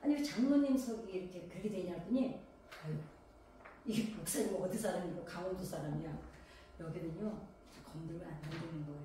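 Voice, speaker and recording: A woman's voice: lowish voice, a little fast, mellow, distant mic, slight background noise. Woman preaching in a very echoey hall. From Gangwon Province, South Korea. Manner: conversational preaching full of rhetorical questions to the congregation. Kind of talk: sermon.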